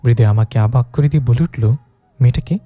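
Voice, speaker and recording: A man reading a romantic story in the first person, voicing every character and raising his pitch for the young wife. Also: brisk, dark tone, no room sound, soft background music. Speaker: narrator. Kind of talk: scripted story narration with voiced dialogue.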